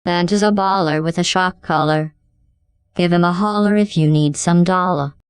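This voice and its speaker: A cold, synthetic female AI voice that reads out lines in flat, clipped announcements. The tone is smooth and polished, with a low-set pitch and a dry, close sound. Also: moderate pace, no room sound. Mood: deadpan. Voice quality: synthetic, robotic. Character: cold robotic female AI voice reading chat. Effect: text-to-speech robot voice.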